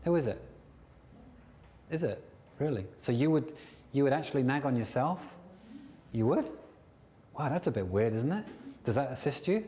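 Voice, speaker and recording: A man's voice: mid-range voice, normal speed, long pauses, slight background noise. Man lecturing in a reverberant hall. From England. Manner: lively, puts on silly voices to make a point. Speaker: NLP trainer. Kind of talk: seminar talk to an audience.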